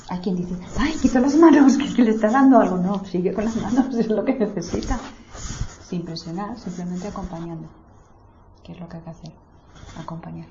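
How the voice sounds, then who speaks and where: A woman guides a small circle of students, calm and explanatory. Her voice is mellow and dark. The recording is roomy and a little dull, with faint hiss behind. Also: lowish voice. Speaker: meditation teacher. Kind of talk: teaching a small group. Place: room with people seated in a small circle.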